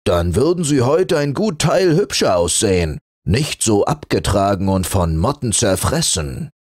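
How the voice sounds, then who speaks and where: A man's voice: lively intonation, moderate pace, darkish tone, no room sound, clean studio sound. A man voicing a fat, pompous male fur piece who mocks and boasts about knowing everything. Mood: smug. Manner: mocking, boastful, booming laugh.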